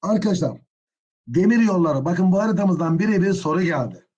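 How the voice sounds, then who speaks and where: Male history teacher, husky and fairly high, dull lo-fi class audio, indignant asides. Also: animated, fairly quick, a little mellow. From Turkey. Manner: addresses students as friends, gets openly indignant. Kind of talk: exam prep history lecture.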